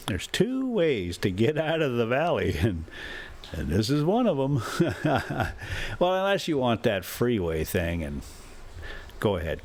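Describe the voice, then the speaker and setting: Driving along inside a motorhome, a man with a lowish voice hosts a travel vlog, rambling casually and reading a story aloud in a halting, folksy way.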